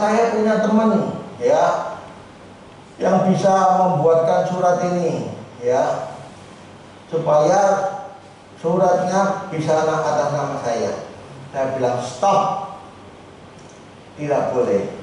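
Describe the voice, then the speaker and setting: Man, pastor's sermon, slow deliberate delivery, fairly high voice, distant mic, big reverberant hall. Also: a little mellow, slight background noise. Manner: slow, emphatic preaching with sudden rises and drops in pitch. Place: church hall. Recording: echoey hall heard from a distance.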